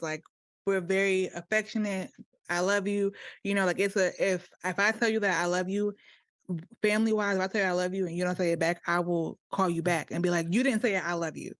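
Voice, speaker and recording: A young woman co-hosting a podcast, telling stories in casual chat and sometimes dropping to a soft voice. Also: fairly low pitch, steady tone, fairly quick, dry recording. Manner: storytelling, mimics family voices, drops soft at times. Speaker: podcast co-host.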